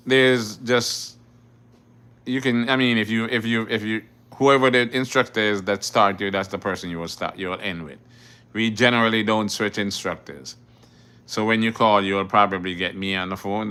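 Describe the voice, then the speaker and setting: Speaking in a lowish, clear, resonant voice with a sharp edge, this middle-aged man from Jamaica runs a relaxed livestream Q&A as a driving instructor. He reads out questions from viewers and gives plain answers, frequently restarting and repeating himself.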